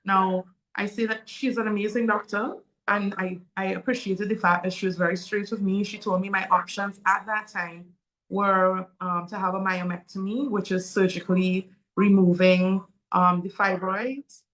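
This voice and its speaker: A woman's voice: medium pitch, little pitch movement, normal speed, fairly bright tone, poor audio. A woman in her forties from Saint Vincent and the Grenadines, telling her personal story earnestly and openly as a panel guest. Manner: earnest, open, with frequent um fillers. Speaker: guest speaker.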